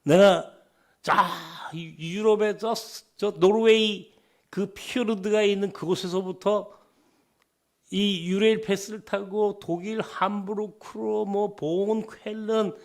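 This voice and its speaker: A man's voice: high voice, slow. A middle-aged Korean man preaching a sermon as pastor, with a light Chungcheong dialect, telling stories and acting out conversations, sometimes dropping to a whisper. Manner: animated storytelling, acting out dialogues, dropping to whispers.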